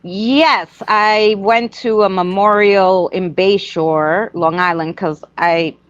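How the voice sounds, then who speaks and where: Speaking slowly in a medium-pitched, steady voice, a woman with a Queens accent chats as a guest, recounting stories and quoted conversations in a rambling way. She's a paranormal spirit communicator from Queens, New York City. The recording is close, dull lo-fi with no room sound.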